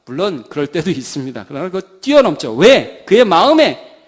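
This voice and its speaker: A male pastor preaching a Sunday sermon with dramatic swings, rising loud and then dropping to a hush. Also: high voice, big pitch swings, fairly quick, husky.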